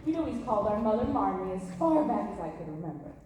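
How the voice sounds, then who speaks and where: Casting: woman playing reflective young storyteller, mellow, stage narration in an echoey hall. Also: medium pitch, sing-song, fast, lightly acted. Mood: fond. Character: young woman narrator fondly recalling her family. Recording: echoey hall from far off, faint noise.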